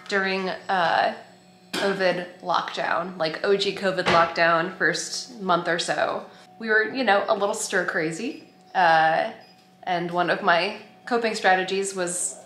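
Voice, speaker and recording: A vlogger in her thirties chats casually to a camera held at arm's length in her home kitchen and dining room, gushing and playful. Her voice is lowish and fairly bright, and the recording has a roomy echo with light background noise.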